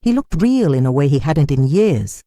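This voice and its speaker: Mellow, dry-voiced woman narrating a story. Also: deep voice, big pitch swings, normal speed, no echo. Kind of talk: scripted first-person narration.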